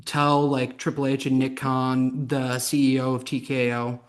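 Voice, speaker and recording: A man's voice: mid-range voice, monotone, unhurried. A man in casual podcast chat, speaking hesitantly with many fillers.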